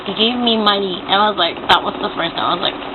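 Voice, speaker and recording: Young woman, rambling casual vlog storytelling, thin phone-like sound, loud engine-like hum. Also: mid-range voice, fast talker. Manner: rambling, self-correcting, informal with frequent "like". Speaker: vlogger. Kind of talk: casual personal storytelling to viewers.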